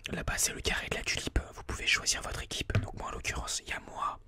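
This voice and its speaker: An ASMR gaming video host whispers informal, explanatory gameplay commentary in a breathy, unvoiced voice. The delivery is fast and a little hesitant, recorded close on a binaural microphone.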